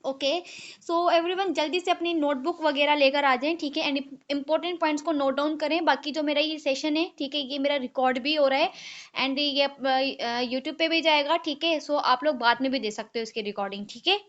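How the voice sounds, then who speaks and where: High-pitched woman trainer, code-switching, many filler okays, lo-fi call audio. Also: fairly even intonation, fairly bright tone. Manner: mixes English and Hindi, fills with "ठीक है"; slows down to spell out key terms. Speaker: online team trainer. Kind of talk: live online training session. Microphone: video call.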